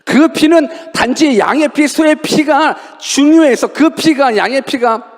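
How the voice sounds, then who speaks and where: A man's voice: very high voice, a little slow. A male pastor preaching a sermon in a church. He acts out quotes and asks rhetorical questions. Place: church sanctuary. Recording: long church reverb.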